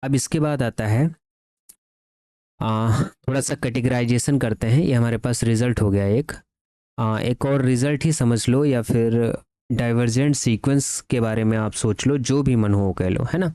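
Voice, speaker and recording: A man giving a math lecture that mixes Hindi and English, dictating theorems slowly word by word and asking his students questions that he answers himself. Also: medium pitch, dark tone, no echo.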